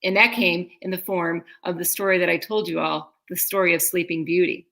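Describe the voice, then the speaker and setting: A woman, guest on an interview show, telling a personal story in an animated, expressive way and slipping into quoted voices. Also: fairly low pitch, a little fast, creaky. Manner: expressive, breaks into acted-out quotes. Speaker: guest speaker and comedian.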